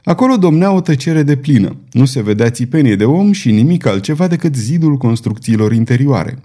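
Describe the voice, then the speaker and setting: A male narrator delivers an audiobook in a theatrical, storytelling manner. His pitch swings widely and lively through each sentence. The tone stays warm and mellow. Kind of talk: dramatic audiobook reading.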